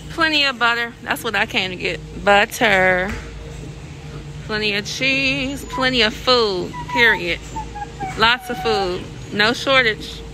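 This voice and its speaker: A woman from California walks viewers through a big warehouse store after starting in her car, vlogging on a phone held at arm's length. Her fairly high voice swoops wildly in pitch as she talks slowly, chatting casually and repeating items she spots. Loud store noise sits behind her on the phone audio.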